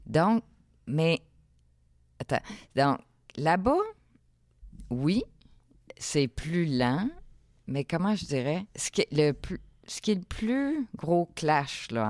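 Her voice is deep with a darkish tone, recorded in studio quality without any room sound. A middle-aged entrepreneur from Quebec, Canada, with a Quebec French accent, she's a podcast interview guest chatting casually and thinking out loud in fragmented phrases.

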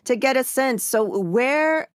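A woman hosting a casual interview, relaxed and encouraging, who prompts her guest with short affirmations. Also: high-pitched, slow, no echo, studio quality.

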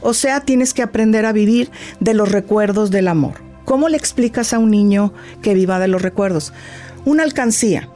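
A woman's voice: medium pitch, moderate pace, faint music behind. A middle-aged woman, a grief therapist, explaining patiently and acting out little talks with a child. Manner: warm, didactic, acts out little dialogues with a child. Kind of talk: explanatory interview talk.

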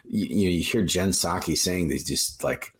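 A man with a very deep, low-pitched voice talks through a political podcast discussion as a guest. He is blunt and emphatic and leans hard on the words he wants to stress. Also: normal speed. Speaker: guest editor.

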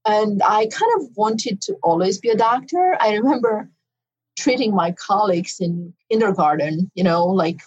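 A middle-aged woman with a Romanian accent, a physician, looks back on her past as an interview guest, speaking in a reflective, storytelling manner. Her mid-range voice is husky and darkish, with lively intonation at a moderate pace. The audio sounds dull.

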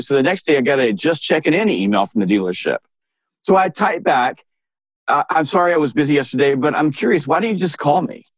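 A man, a sales author guesting on an interview podcast, telling emphatic, animated anecdotes and firing off exasperated rhetorical questions. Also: medium pitch, no room sound.

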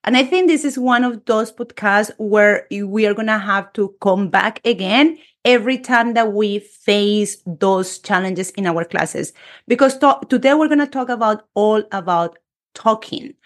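A woman hosting a podcast interview over a video call, enthusiastic and expressive as she welcomes her guests. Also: mid-range voice, measured pace. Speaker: podcast host. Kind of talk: casual interview chat.

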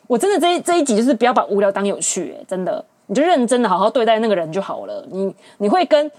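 A woman in her late twenties with a Taiwanese Mandarin accent, hosting a casual dating-advice monologue in an animated, exasperated, ranting manner. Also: mid-range voice. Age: late 20s. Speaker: podcast host.

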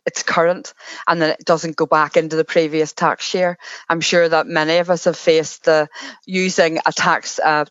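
A woman's voice: low-pitched, no echo. Brief: female panel expert, practical advice, dry dull sound. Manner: practical, advising tone. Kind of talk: explanatory panel talk.

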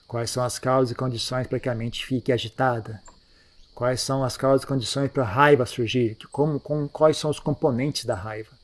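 A man giving a relaxed, conversational Buddhist dharma talk, often ending phrases with tag questions. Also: medium pitch. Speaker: Buddhist teacher. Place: monastery.

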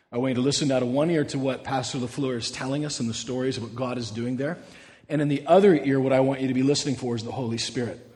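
A man's voice: mid-range voice, a little mellow, in a large hall. A man, a pastor speaking energetically to his congregation and introducing a guest. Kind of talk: sermon-time interview.

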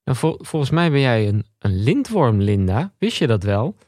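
A man voicing a shy, lonely gentleman in a comic bedtime story, who stammers and repeats his words. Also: medium pitch, big pitch swings, normal speed, dry recording, studio quality. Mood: startled, stammering.

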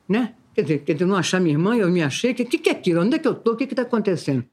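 Uma mulher de oitenta e poucos anos com sotaque mineiro, falando de forma descontraída e brincalhona, com exclamações. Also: female voice, mid-range voice, sing-song, rapid-fire, darkish tone. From Ubá, Minas Gerais, Brazil. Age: 80s. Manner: talkative, jokey, exclaiming. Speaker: interviewed singer, twin sister. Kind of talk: casual chat.

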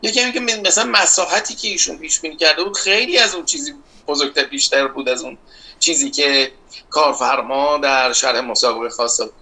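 A man's voice: fairly high pitch, sharp tone, breathy edge, low-quality recording. A middle-aged architect from Iran answering interview questions, emphatic and insistent as he dismisses rumors. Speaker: architect guest, competition organizer.

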